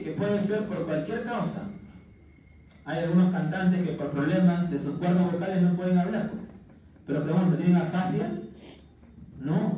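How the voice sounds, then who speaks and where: A man lecturing to a class, animated, making jokey asides and checking in with his students. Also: high-pitched, a little hiss or hum. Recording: distant, muffled, echoey classroom audio.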